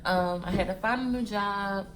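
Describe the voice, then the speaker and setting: A chatty vlogger in her twenties, with a medium-pitched voice at normal speed, talks casually to viewers while packing wigs. She repeats phrases and calls her audience "y'all" and "sis," with slight background noise present.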